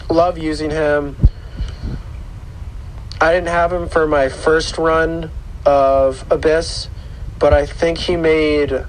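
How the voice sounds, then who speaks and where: A man with a hoarse, grating voice from a sore throat gives casual, unscripted gaming commentary in a halting, matter-of-fact way. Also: medium pitch, rough recording. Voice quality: rough, grating. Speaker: gaming channel host. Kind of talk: casual video game account tour commentary.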